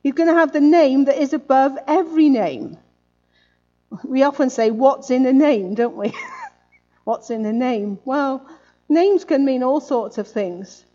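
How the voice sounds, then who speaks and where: Woman, sermon, chatty tag questions, mellow voice, dull lo-fi recording. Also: sits high, a little slow. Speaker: preacher.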